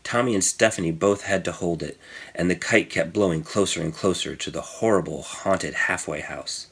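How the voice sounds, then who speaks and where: A storybook reader, male, narrates a scripted children's story with theatrical suspense and emphatic sound words. His deep voice is creaky and husky yet fairly bright, at normal speed.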